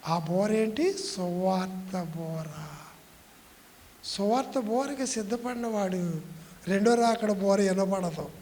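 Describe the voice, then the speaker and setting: A man's voice: high-pitched, animated, takes it slowly, darkish tone. A man preaching a sermon, asking the congregation questions as he goes. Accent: Telugu. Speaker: pastor. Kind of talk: Telugu sermon. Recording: reverberant hall, faint noise.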